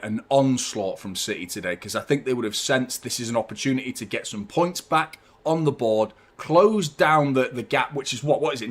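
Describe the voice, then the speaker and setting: A young man hosting a fan watchalong stream, rambling chattily and giving shout-outs to viewers. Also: mid-range voice. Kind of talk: live stream chat with viewers.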